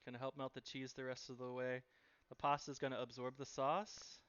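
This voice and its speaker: A man's voice: mid-range voice, flat delivery, moderate pace, a bit bright, smooth, dry recording, lo-fi sound. A man running a live cooking stream, chatting and cheerfully thanking viewers as he cooks.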